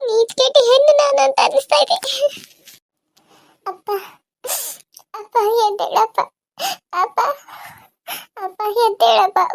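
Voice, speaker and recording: A heartbroken, orphaned daughter in a Kannada cartoon serial, as a woman acts her out, crying and pleading in despair. Her very high voice wails through sobs. The recording is dry and close. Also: gravelly, dry recording, exaggerated voice. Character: grieving orphaned daughter, desperate and tearful.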